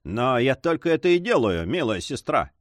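Ironic young nobleman, voiced by a male narrator, bantering and lively, storybook hero. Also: mid-range voice, moderate pace, no echo, clean studio sound, close to an everyday voice. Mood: teasing. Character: teasing, carefree young nobleman, Don Sancho.

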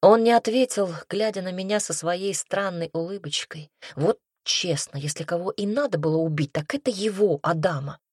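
A woman's voice: lowish voice, normal speed, few pauses, darkish tone, breathy edge, dry recording, studio quality. A woman expressively narrating a first-person audiobook.

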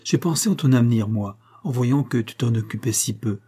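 A man voicing a kind invalid lady who speaks gently but firmly to her young servant, in a read-aloud novel. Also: mid-range voice, fairly quick, slightly rough, close to an everyday voice. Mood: gentle, firm. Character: kindly invalid lady, firm yet tender.

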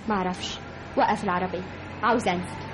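A woman's voice: fairly even intonation, quick pace, noisy background, lightly acted. An actress playing a young woman in love who learns she was deceived, tearful and pleading, in an old radio drama. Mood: hurt, bitter. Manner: tearful, pleading, breaks into high cries. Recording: radio drama with music behind.

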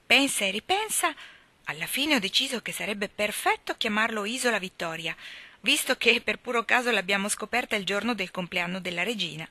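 A woman's voice: medium pitch, expressive, fairly quick, bright, forceful tone, no echo. A woman voicing a chatty, imaginative orphan girl who talks eagerly and dramatically. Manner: eager, dramatic, breathless storytelling.

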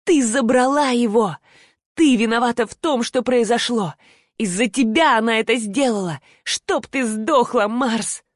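Furious young girl, hissing and shrieking blame, put on by a woman narrator, voice jumps high, dry studio. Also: unhurried, no echo. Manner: shrieking accusations, hissing, sobbing. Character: furious hysterical young woman student, hateful.

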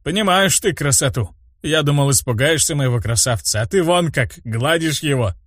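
A burly orc tavern keeper from a storybook, proud and hearty in his talk, as a male narrator voices him. His voice rises and falls with lively energy. The recording is close and dry. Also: a little high, moderate pace, no echo.

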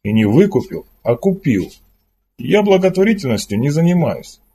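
A man's voice: fairly high pitch, very animated, normal speed, mellow, husky, pitched above the performer's own voice, exaggerated voice. A man doing a stern, curt pirate commander. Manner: dry, businesslike, curt.

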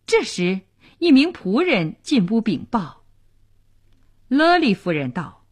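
A woman narrating a story for radio in a measured, expressive way. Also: on the high side, husky.

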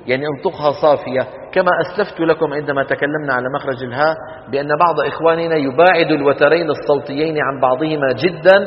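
A man teaching Quran recitation rules, quizzing his students and chanting example verses slowly. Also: fairly high pitch, a little hiss or hum. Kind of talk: classroom lecture on tajweed. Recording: dull recording in a reverberant hall.

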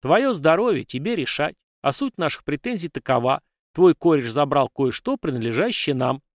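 A man's voice: fairly high pitch, expressive, normal speed, no room sound, studio quality. Brief: male reader as sneering karate-fighting thug, mocking and slangy, audiobook. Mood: menacing. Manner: mocking, slangy, chuckling threats.

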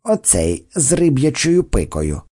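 A man's voice: medium pitch, very animated, measured pace, mellow. A man voicing a spoiled, freckled fat boy who sneers at an actor in an audiobook. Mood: sulky. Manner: sulky, scornful complaints.

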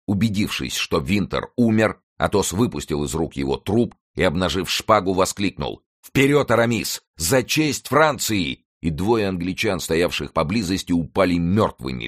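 A man narrating an adventure audiobook in a steady, dramatic reading. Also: deep voice, no room sound, studio quality. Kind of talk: scripted narration.

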